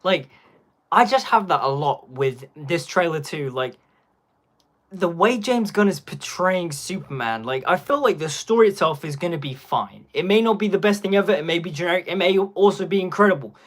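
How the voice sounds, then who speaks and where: A man's voice: high-pitched, lively intonation, moderate pace. A young man giving casual live-stream commentary on a phone, rambling and packing his talk with filler words.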